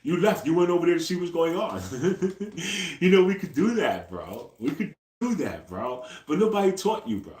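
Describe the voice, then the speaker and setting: A man's voice: on the high side, sing-song, moderate pace, a little mellow. A man in his forties, chatting casually on a live stream, talking in loose slang, ending nearly every phrase with "bro" and repeating himself to his viewers. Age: 40s. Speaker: livestreamer. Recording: echoey room.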